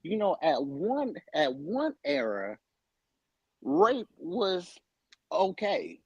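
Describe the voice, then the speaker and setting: Man, podcast co-host, husky, emphatic and halting, dry close mic. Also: fairly high pitch, sing-song, a little mellow, dry recording, dull audio. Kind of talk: casual group debate.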